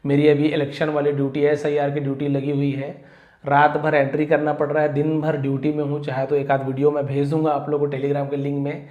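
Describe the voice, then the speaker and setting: A man teaching English vocabulary in a YouTube lesson, stressing each English word loudly before explaining it, sounding tired from long work hours. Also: on the high side, completely flat delivery, fairly quick, echoey room, dull audio.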